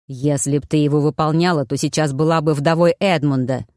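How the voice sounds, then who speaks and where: Женщина изображает резкий злодей-аристократ. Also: female voice, sits low, fairly even intonation, brisk, darkish tone, no room sound, clean studio sound, voice pushed down, natural voice. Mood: scolding. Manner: curt, scolding, snapping. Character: scheming male nobleman impostor, harsh and commanding.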